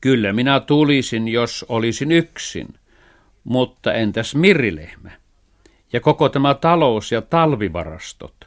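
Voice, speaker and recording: A man voicing a thrifty, practical male cat in a children's story reading, talking brisk and matter-of-fact. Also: mid-range voice, lively intonation, natural voice.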